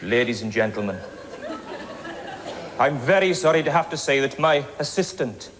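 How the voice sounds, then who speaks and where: A Welsh man doing a deliberately inept ventriloquist comedy act, with mock-earnest patter. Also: mid-range voice, lively intonation, fairly bright tone, a faint crowd. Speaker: comic ventriloquist. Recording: echoey hall with background noise.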